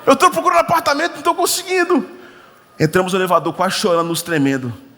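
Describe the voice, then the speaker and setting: A man's voice: sits high, fast talker, pushed and bright. A male pastor preaching a sermon, telling a story with acted-out dialogue and humorous asides. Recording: church hall reverb.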